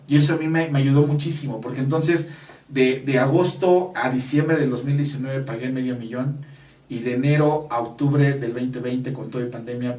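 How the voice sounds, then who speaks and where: A man's voice: mid-range voice, a little mellow, far from the mic. An earnest man with a Mexican Spanish accent tells a personal story in an interview, emphatic and speaking straight to the listener. His voice sits in a mid range and sounds roomy, picked up from a little way off the mic. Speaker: business coach.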